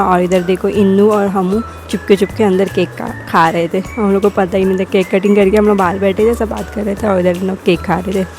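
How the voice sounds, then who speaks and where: A young woman with a sore throat provides a casual voice-over for her family vlog, rambling and correcting herself as she goes. Her voice is medium-pitched with a dark tone.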